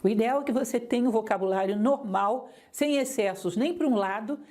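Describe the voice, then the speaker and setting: A woman lecturer teaching public speaking, talking straight to her listeners with lively, varied intonation. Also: fairly high pitch, fairly quick. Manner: didactic, lively intonation, addresses listeners directly.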